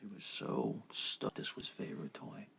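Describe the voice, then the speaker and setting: An actor playing a gentle, wistful brother in a soap opera, speaking softly and reflectively with hesitant pauses. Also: male voice, a little hiss or hum, natural voice. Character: gentle, wistful older brother recalling a lost child. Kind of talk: soap opera dramatic acting. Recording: music under the dialogue.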